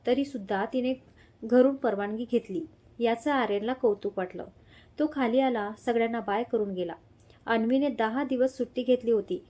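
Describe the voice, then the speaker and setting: Woman reading a story, mellow voice. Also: on the high side. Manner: reads every character's lines in her own voice with little change. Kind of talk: scripted story narration.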